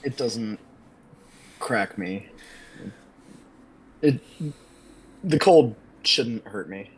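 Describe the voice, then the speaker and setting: A man's voice: medium pitch, animated, drawn-out words, slightly rough, poor audio. A man playing a tabletop game, talking casually about rules and his character.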